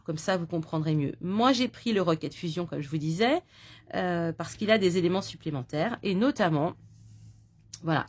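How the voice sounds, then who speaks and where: Woman vlogger, slightly low-pitched, chatty and hesitant with lots of filler, casual product talk. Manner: chatty, many fillers, self-mocking. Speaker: vlogger presenting a notebook.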